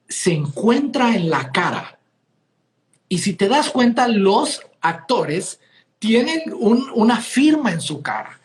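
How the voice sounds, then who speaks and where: A man hosting a preaching podcast, talking casually and praising his guest with enthusiasm. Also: sits high. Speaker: podcast host. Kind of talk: casual interview talk.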